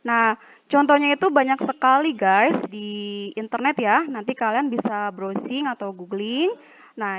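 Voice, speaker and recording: A woman with an Indonesian accent teaching an online English lesson, reading example sentences slowly and carefully. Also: on the high side, fairly bright tone. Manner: slow, drawn-out example sentences. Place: at home. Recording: dull lo-fi home recording.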